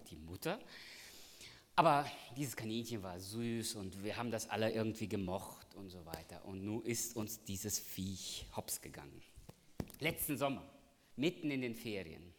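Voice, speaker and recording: A man preaching a sermon, telling a personal story and swinging from hushed lines to loud ones. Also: on the low side, slight background noise. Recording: long reverb of a hall.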